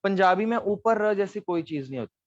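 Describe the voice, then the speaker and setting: Male teacher, patient step-by-step explainer, slightly raised pitch, dry dull recording. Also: lively intonation, fairly quick, no echo. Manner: patient, explains step by step, checks with "theek hai". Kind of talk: online Gurmukhi lesson at a board.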